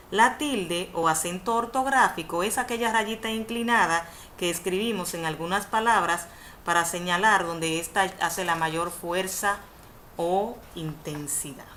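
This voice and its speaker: Low-voiced woman lecturing on spelling. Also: fairly bright tone. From Dominican Republic. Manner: didactic, repeats definitions, self-corrects with "perdón". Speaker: university course facilitator. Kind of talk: webinar lecture on Spanish spelling. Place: indoors, online video conference. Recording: faint background noise, webinar audio.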